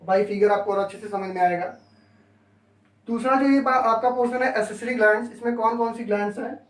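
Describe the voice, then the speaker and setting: A man's voice: high voice, fairly even intonation, fairly quick. A male biology teacher explains each term step by step and mixes English words into his speech. He sounds set back from the mic. The room around him is roomy and echoing. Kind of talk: classroom lecture. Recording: echoey room, voice from a distance.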